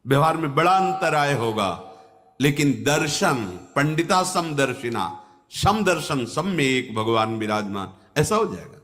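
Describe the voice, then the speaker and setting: Slow, calm male spiritual teacher in reverberant hall. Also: a little high. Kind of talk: devotional sermon with recited scripture verses. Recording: long hall reverb, music behind. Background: background music.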